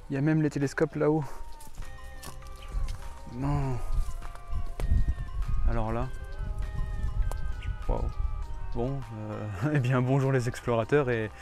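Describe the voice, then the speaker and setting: A man's voice: mid-range voice, steady tone, takes it slowly, long pauses, music in the background. A man talking to camera in a casual, enthusiastic astronomy travel vlog outdoors, with many fillers and restarts. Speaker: astronomy vlogger. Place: outdoors in a hilly valley.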